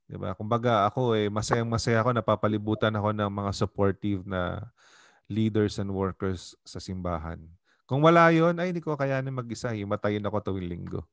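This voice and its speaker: A man's voice: lowish voice, brisk, no room sound. A Filipino man, a pastor, leads a Bible study in a conversational way, mixing in English and asking "di ba?" often. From Philippines.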